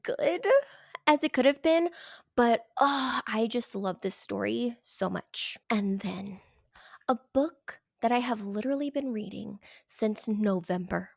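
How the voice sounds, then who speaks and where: An emphatic, animated woman chats casually about books, and her voice sits a bit higher than most. She often drops into a whisper for effect. The sound is close and dry. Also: measured pace, gravelly, no room sound. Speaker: book reviewer. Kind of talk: casual chat.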